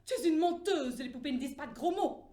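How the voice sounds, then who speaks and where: A woman voicing a mother who loudly scolds her little daughter, on a roomy stage. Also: sits high, animated, fast talker. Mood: scolding. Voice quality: loud, scolding.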